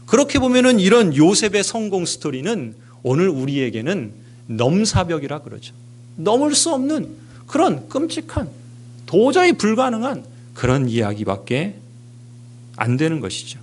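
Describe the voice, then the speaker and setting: A middle-aged man preaching a sermon as pastor in a church, stressing key words loudly and then dropping to hushed, almost whispered phrases. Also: high voice, wildly swooping pitch, moderate pace. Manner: emphatic, swinging between raised stresses and hushed near-whispers. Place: church sanctuary.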